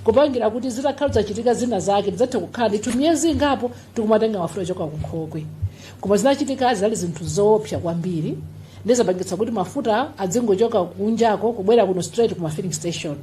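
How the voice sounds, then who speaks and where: A woman's voice: medium pitch, very fast, dark tone, slight background noise. A woman with a Malawian accent explaining things emphatically in a public briefing. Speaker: official addressing the public at a briefing.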